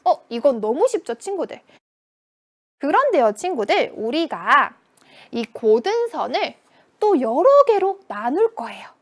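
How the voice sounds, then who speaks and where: A woman's voice: high voice, big pitch swings, unhurried. A woman teaching a children's math lesson, asking questions and answering them in a playful voice. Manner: sing-song, questions and answers to herself.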